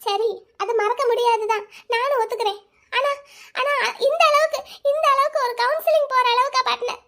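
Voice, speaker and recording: A woman voicing a hurt young wife in a cartoon drama, crying and accusing her husband loudly. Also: very high voice, steady tone, fairly quick. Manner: loud, accusing, bitter. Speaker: voice actor.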